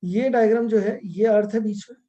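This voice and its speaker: A man's voice: high voice, steady tone, fairly quick, dark tone, muffled recording. A middle-aged man teaching an astrology class over a video call, explaining step by step and mixing English terms into his talk. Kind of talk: online class lecture.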